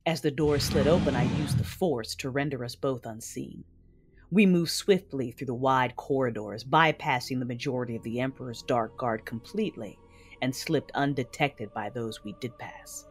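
An actress narrates a sci-fi audio drama as an intense, coolly confident Sith warrior woman, using a husky, measured, bass voice. Music plays beneath her narration.

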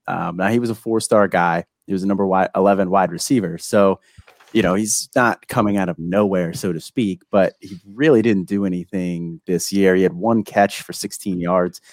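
Deep-voiced man chatting sports analysis, close and dry. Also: steady tone, moderate pace, no echo. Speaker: guest football prospect analyst. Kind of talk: casual sports analysis chat.

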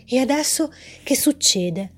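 A woman's voice: sits high, animated, slightly rough, heavily acted. A woman reading aloud voices a clever, curious young girl who thinks her way through riddles in a storybook tale. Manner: puzzled then quick-witted, thinking aloud.

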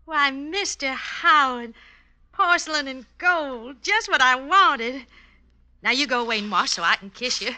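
A cheerful, doting American frontier wife in a vintage radio play. Her voice is high and very bright, moving up and down in a sweet, folksy way. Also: expressive, measured pace, exaggerated voice. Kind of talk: old-time radio drama acting.

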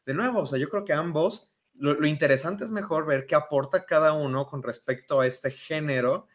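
Speaking at a moderate pace in a slightly high voice, this podcast host has a Mexican Spanish accent. The talk is a casual, rambling discussion packed with fillers such as "o sea."

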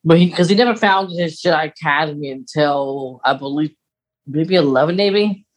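On a podcast he co-hosts, a man with a rather high voice speaks at a normal speed. His tone is casual, like a fan unpacking fine details, and he frequently pauses while working them out.

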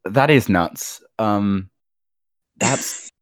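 A British man with a low voice chatting on a voice call, trading dry jokes. The sound is close and dead, with no room in it. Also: extremely slow, dry recording. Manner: dry, jokey. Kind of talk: casual chat.

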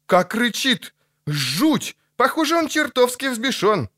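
A man's voice: very animated, slow pace, pushed and bright, no room sound, exaggerated voice. A panicky young bard squeals his lines in an audiobook. The voice jumps far above the reader's own and swings widely. The sound is dry and close. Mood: shocked. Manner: shrill, exclaiming. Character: excitable male bard, young, high-strung.

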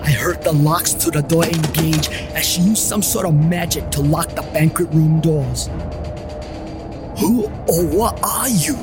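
A man's voice: fairly high pitch, flat delivery, moderate pace, few pauses. A man narrating a paranormal detective story in the first person, with a wry, joking delivery over background music.

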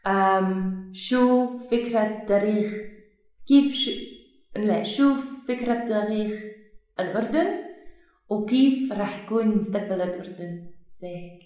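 Being interviewed in a very echoey room, a young woman researcher replies conversationally in Arabic, which isn't her first language, with a non-native Levantine accent. Her voice is medium-pitched and darkish, and she hesitates, searches for words, and corrects herself as she goes.

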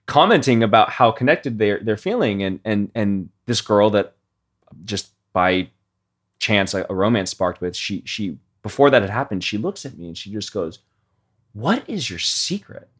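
A man's voice: on the low side, animated, moderate pace. A man hosting a podcast as a coach, talking earnestly and reflectively about his own experiences in a heartfelt conversation.

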